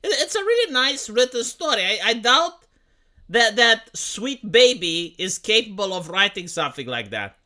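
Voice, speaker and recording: A livestreamer in their thirties from Romania gives casual commentary, rambling to chat in a profane, stop-start way full of restarts. The voice is medium-pitched and sing-song at a normal speed, with a bright, forceful tone.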